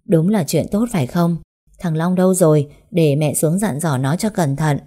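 A woman's voice: low voice, normal speed, mellow. A woman voicing a grandmother over seventy who gives firm instructions.

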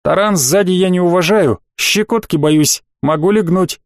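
A man's voice: high voice, moderate pace, no room sound, clean studio sound. A man reading the part of a cheeky young male pilot cadet with a cocky, mock-formal way of talking.

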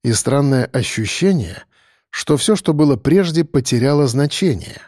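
A man narrating first-person fiction in a measured, grave way, in an audiobook. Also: medium pitch, animated, darkish tone, clean studio sound. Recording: roomy reverb, faint noise.

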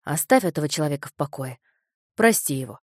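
A woman reading an audiobook, voicing a calm, polite teenage boy who speaks softly. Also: sits low, fast talker, no room sound, clean studio sound, pitched below the performer's own voice. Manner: soft, restrained.

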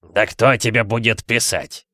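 A man's voice: mid-range voice, normal speed, fairly bright tone, dry recording, clean studio sound, natural voice. A man voicing a bad-tempered, blustering middle-aged uncle who snaps and bellows scornfully, in an audiobook reading. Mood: gruff scornful.

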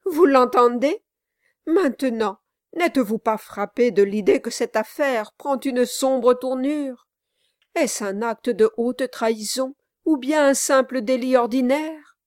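A woman's voice: fairly high pitch, measured pace, a little mellow, no room sound, clean studio sound, close to an everyday voice. A woman doing a sly oily lawyer. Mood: smug sneer. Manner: unctuous, mock-sorrowful, sneering. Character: scheming smooth-talking male lawyer, oily and sly.

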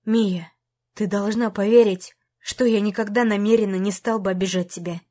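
A woman's voice: medium pitch, steady tone, moderate pace, warm tone, lightly acted. A woman voicing a pleading young man, whiny, scared, storybook. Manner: whining, begging.

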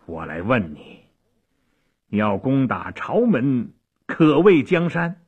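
A male storyteller voicing a stern old court elder who questions slowly and with weight. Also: mid-range voice, sing-song, slightly rough, heavily acted. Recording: dull lo-fi radio recording.

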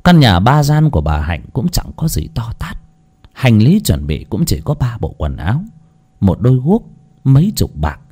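A man narrating an audiobook story in an expressive storytelling manner. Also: medium pitch, slightly rough.

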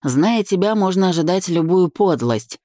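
A woman's voice: on the low side, expressive, moderate pace, dark tone, no echo, clean studio sound, pitched above the performer's own voice, close to an everyday voice. A woman reading a cold, sarcastic young man. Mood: cutting. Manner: sarcastic, cutting. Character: young man, first-person hero, cold and accusing.

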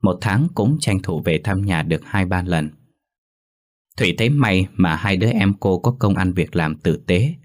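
A man narrating a story in a steady audiobook delivery. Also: low-pitched. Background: faint music.

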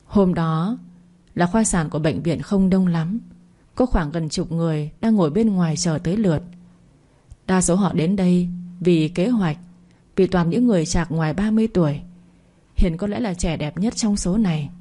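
A woman narrating a dramatic story in a steady storytelling voice. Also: on the low side, normal speed.

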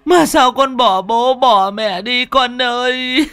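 A man voicing a grieving village mother who wails in a shrill, drawn-out keen over her dead son. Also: pushed and bright, smooth, no echo, faint music behind, full character voice. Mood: wailing grief. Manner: shrill drawn-out keening wail.

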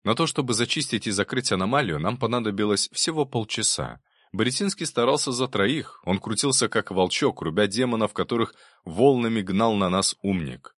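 A man reads an audiobook in a low, steady voice. The sound is dry and close, with no room echo at all. He tells the story evenly, without rushing. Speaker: narrator. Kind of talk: audiobook narration.

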